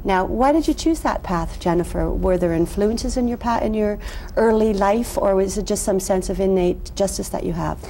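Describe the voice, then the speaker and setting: A woman hosting a TV interview in a restaurant, chatty and quick to laugh. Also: mid-range voice, mellow, slight background noise. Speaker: interview host. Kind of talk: TV interview chat.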